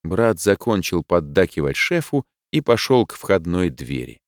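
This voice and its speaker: A man narrating a first-person novel in a wry, expressive way. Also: low-pitched, measured pace, no room sound, studio quality. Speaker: audiobook narrator.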